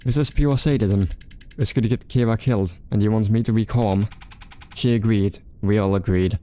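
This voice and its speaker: A man's voice: fairly low pitch, moderate pace, dark tone, natural voice. A man voicing a tiny, anxious young woman prisoner in a visual novel he is reading aloud. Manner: nervous, insecure, clipped.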